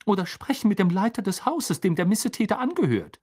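Male reader doing a stern old witch professor, high and sharp, husky. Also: big pitch swings, brisk, exaggerated voice. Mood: appalled. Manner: shocked and sharp.

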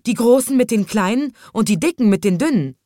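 A woman voicing an excited, desperate male train conductor in a children's story, talking in an agitated, pleading way. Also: mid-range voice, measured pace, dry recording, clean studio sound, voice pushed up.

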